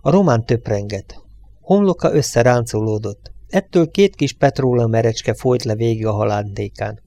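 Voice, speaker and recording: A man reading an audiobook in a calm, measured narrating voice. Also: mid-range voice.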